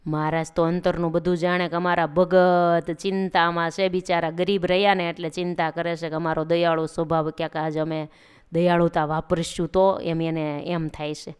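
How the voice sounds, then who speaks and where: A woman narrating a devotional story, talking lively and directly to her listeners. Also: on the low side, moderate pace, smooth.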